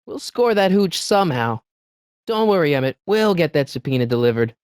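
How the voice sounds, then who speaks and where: In this video game dialogue, the anxious teen hero of a time-travel adventure sounds determined, his high, youthful voice clear and resonant, rising and falling urgently. He stammers and hesitates but pushes his case eagerly and quickly, recorded dry with no room sound.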